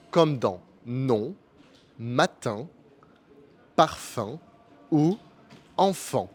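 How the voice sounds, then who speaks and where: A man teaching pronunciation in a slow, scripted lesson, articulating each sound with care. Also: medium pitch. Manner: careful, deliberate articulation. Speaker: French teacher.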